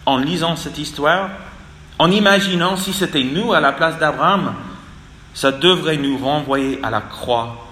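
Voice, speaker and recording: A man preaching a sermon in a slow, earnest manner, his voice dropping at the ends of phrases. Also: mid-range voice, sharp tone. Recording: echoey hall with long reverb.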